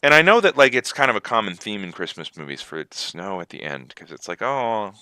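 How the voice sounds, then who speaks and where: A man co-hosting a casual gaming podcast, rambling and animated as he chats. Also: on the low side, quick pace, no echo. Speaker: podcast co-host.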